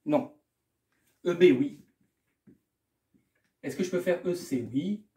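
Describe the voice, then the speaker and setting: A man talks through a math exercise as a tutor, repeating words and adding casual asides as he goes. His voice sits a little high for a man but sounds mellow and soft-edged. The room around him rings with echo. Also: slow. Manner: thinks aloud, repeats himself, casual asides. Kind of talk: explaining a math exam correction.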